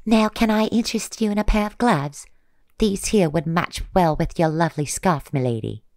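A reader voicing an older female fae market vendor with a bright, pushy sales patter, set a little back. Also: mid-range voice, normal speed, creaky, dry recording, voice pushed up, lightly acted. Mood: chatty.

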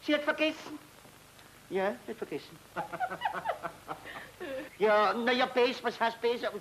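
A man's voice: very high-pitched, animated, a little slow, fairly bright tone, a little hiss or hum, full character voice, rough recording. An anxious, fussy man; stammering, rambling, old-film comedy. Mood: fretful. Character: fussy flustered Austrian man, anxious about travel. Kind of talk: 1930s film comedy acting.

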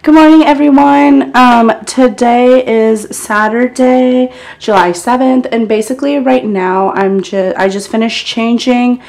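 A woman's voice: on the high side, steady tone, measured pace, hardly any pauses, darkish tone. Chatty young woman vlogging. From Texas. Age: young adult. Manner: chatty, filler-heavy, upbeat. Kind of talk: casual vlog chat. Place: parked car, then small bedroom doorway.

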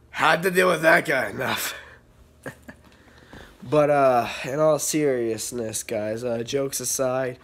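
A young man chatting casually to his vlog audience while feeling unwell, rambling with lots of fillers and clearing his throat. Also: mid-range voice, fairly bright tone, a little hiss or hum. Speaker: vlogger. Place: outdoors in heavy rain, then indoors.

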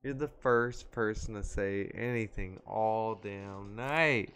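A man's voice: on the low side, slow, a bit bright, slight background noise. A man from Arkansas streaming a video game, laid-back, laughing often and swearing casually. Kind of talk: casual gaming chat.

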